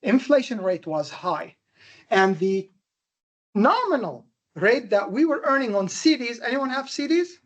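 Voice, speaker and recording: A man from Jordan with a Jordanian accent giving a classroom lecture, animated and emphatic, firing questions at his students. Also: extremely high pitch, unhurried. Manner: animated, emphatic, quizzing the audience with rhetorical questions. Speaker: university lecturer.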